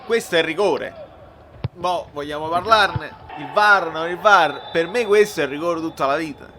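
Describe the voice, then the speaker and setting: Uomo napoletano, voce piuttosto acuta, commenta la partita. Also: male voice, on the high side, unhurried. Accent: Neapolitan Italian. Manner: colloquial, exclamatory, slangy. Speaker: football fan doing a live match reaction. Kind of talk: casual spontaneous match commentary. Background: football match broadcast with crowd.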